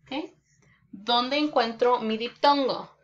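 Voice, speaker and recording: A woman teacher giving a children's reading lesson online, speaking deliberately, repeating words and checking in with "ok?" often. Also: on the high side. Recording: dull lo-fi recording.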